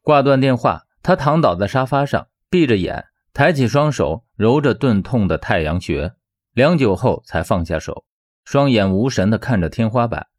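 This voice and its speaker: A man's voice: medium pitch, very animated, normal speed. A man reading a novel aloud as narrator, telling the story expressively. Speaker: audiobook narrator. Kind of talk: scripted narration.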